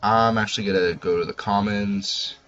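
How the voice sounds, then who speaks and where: A man's voice: lowish voice, steady tone, normal speed, fairly bright tone. A man giving casual commentary as he records a video game walkthrough. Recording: dull lo-fi mic, game music behind. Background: game music.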